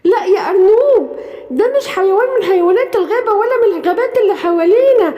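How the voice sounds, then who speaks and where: A woman's voice: very high voice, fast talker, warm tone, reverberant, voice pushed up. A woman with an Egyptian accent voicing a frightened female gazelle spreading alarming news in a cartoon story. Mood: alarmed. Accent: Egyptian Arabic. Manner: breathless, alarmed.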